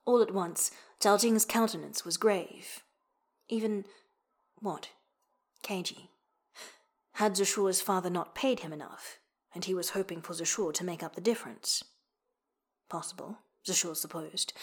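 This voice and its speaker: A woman reading a novel aloud as the narrator, in steady storytelling narration that drops low and hushed at phrase ends. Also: a little slow, long pauses, slightly rough. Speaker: audiobook narrator. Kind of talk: scripted narration.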